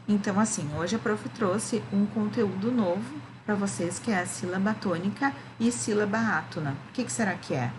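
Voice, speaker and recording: A woman's voice: medium pitch, noisy background. A woman, a primary school teacher, gives a remote lesson to children, explaining patiently and often checking that they follow.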